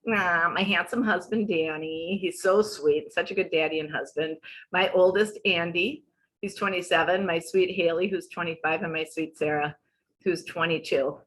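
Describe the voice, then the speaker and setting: A woman's voice: on the low side, fairly even intonation, normal speed, a bit bright, rough recording. A woman in her sixties, a wellness coach giving a casual, chatty talk over slides that wanders off on tangents and back. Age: 60s.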